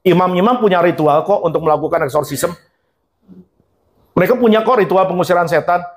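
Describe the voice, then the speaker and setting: A man's voice: high voice, fairly quick. A male pastor preaching a sermon, emphatic and repetitive, mixing in English phrases and acting out quotes.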